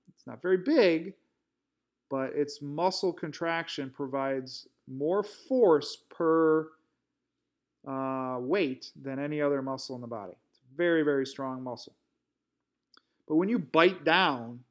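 A man giving a recorded anatomy lecture, explaining step by step over drawings with some fillers and restarts. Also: fairly high pitch. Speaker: instructor. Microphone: voice-over narration over drawings.

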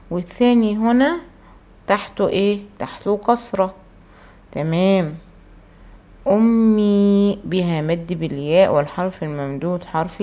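A woman teacher with an Egyptian Arabic accent, giving a primary school language lesson. She reads each word slowly and drawn out, then explains quickly and asks the pupils questions. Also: lowish voice, darkish tone. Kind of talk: recorded classroom lesson.

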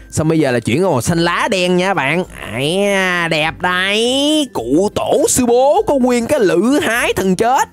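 Woman, excited gameplay commentary, playful, rapid repeated words, mid pitch, faint music behind. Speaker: gaming channel host.

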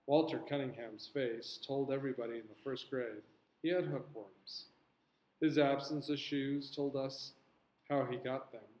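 A man's voice: medium pitch, darkish tone, echoey room, low-quality recording. A man reading a novel aloud to a class, stopping for casual asides to explain the story.

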